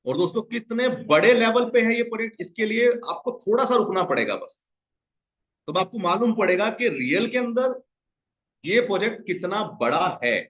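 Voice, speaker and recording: A man giving a hyped, salesy screen-share pitch for an online business, constantly calling out to his viewers as friends. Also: very animated, normal speed, a bit bright.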